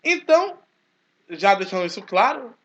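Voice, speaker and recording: A man, talking casually to his channel in a forceful, emphatic way. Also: high voice, normal speed. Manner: speaks forcefully, animated and emphatic. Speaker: channel host, Baptist churchgoer. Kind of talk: casual spoken commentary. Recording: dull lo-fi recording.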